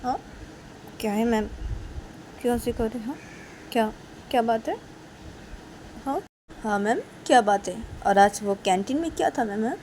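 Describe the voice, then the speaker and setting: A woman's voice: on the high side, darkish tone, slight background noise. A woman voicing a young female student who pleads and cries, repeating her questions in a whiny way, while telling a story. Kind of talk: storytelling role-play.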